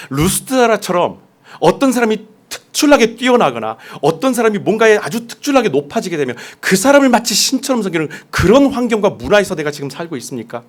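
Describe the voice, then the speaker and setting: A man preaching a sermon as pastor, talking conversationally and putting questions straight to his congregation. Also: high voice. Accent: mostly standard Seoul Korean, dialect suppressed. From Jeolla, South Korea.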